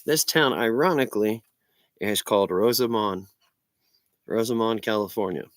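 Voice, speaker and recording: A man's voice: lowish voice, normal speed, dry recording. An American man, stoned, rambles casually on a livestream in a meandering, slangy stoner manner. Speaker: livestream vlogger.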